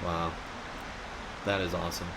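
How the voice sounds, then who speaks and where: A man's voice: deep voice, little pitch movement, measured pace, noisy background. A man hosting a gameplay video with casual, conversational commentary.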